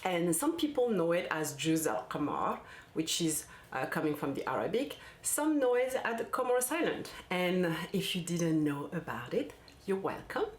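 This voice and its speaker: A woman speaks in a low voice, chatty and easygoing, restarting her sentences as she tells her own story. She talks to camera as a parenting coach, and the sound comes from an echoey room. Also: big pitch swings, normal speed. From France. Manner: warm, chatty, with restarts and fillers. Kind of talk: casual personal vlog.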